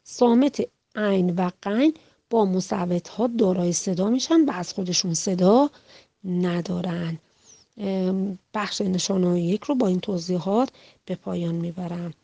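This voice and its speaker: A woman in an instructional lecture, addressing fellow teachers in a measured, deliberate way. She sounds out single letters and sample words one by one, with pauses between them. The recording is dry and close, with no room echo. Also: fairly low pitch, dark tone, dull audio. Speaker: teacher trainer.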